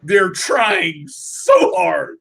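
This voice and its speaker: A man with a fairly high voice tells stories in casual talk. He is animated and often restarts his sentences as he builds up to a punchline. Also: extremely slow, vocal fry, husky. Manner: animated storyteller, repeats words when starting. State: uses a wheelchair. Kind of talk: casual conversation.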